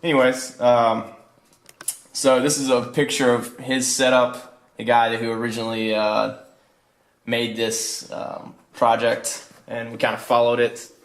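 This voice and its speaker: Speaking at a medium pitch with a flat, unhurried delivery, a young adult man presents his student project in an informal walkthrough. He comes across as hesitant, relaxed and improvised.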